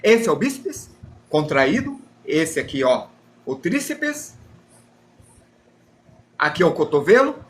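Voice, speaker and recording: A Brazilian man leads a live drawing lesson in a fairly high voice. He talks casually and makes fun of himself, explaining each step as he draws and answering the chat. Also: sing-song, slow pace, pauses often. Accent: Brazilian Portuguese. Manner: chatty, self-deprecating, explains while drawing. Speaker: drawing teacher.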